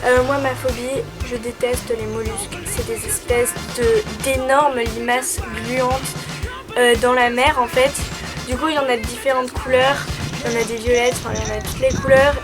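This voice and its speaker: High-voiced young French woman chatting. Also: steady tone, normal speed. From France. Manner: chatty and hesitant, reading questions aloud then answering. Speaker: dog-owner vlogger answering viewer questions. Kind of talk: casual FAQ chat. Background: background music.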